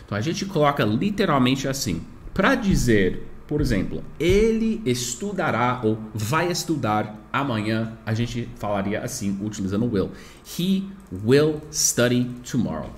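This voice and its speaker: A man whose first language is English teaches grammar to learners in Portuguese, explaining patiently and modeling pronunciation slowly. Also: mid-range voice, expressive, a little hiss or hum.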